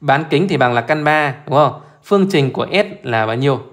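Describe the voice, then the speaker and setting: A man's voice: medium pitch, animated, moderate pace. A man teaching math as he walks through an exam live, chatty and informal, constantly repeating short check-in questions to his listeners. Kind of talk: live exam solution walkthrough.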